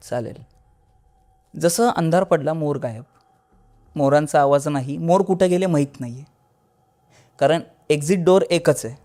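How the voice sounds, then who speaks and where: A man with a Marathi accent, a podcast guest telling his own horror experience and acting out the dialogue in a lowered voice. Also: a little mellow.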